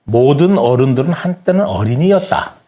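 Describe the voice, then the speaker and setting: Here the guest writer's voice is mid-range and mellow, with a brisk, sing-song delivery. The setting is a reflective talk-show conversation where he shares stories and earnest, formal, polite explanations.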